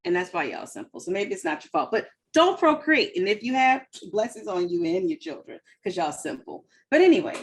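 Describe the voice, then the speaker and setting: A woman's voice: mid-range voice, big pitch swings, fairly quick, hardly any pauses, a little hiss or hum. A woman co-hosting a podcast, chatting casually about a TV episode with blunt, profane rants and a lot of "like.". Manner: blunt, profane ranting with frequent "like". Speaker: podcast co-host. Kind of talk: casual chat reviewing a TV episode.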